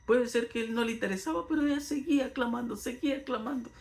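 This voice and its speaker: Earnest preacher guy, pretty high voice with a gravelly edge, bible lesson sermon. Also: fast. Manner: earnest, rising and falling with emphasis. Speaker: Bible teacher.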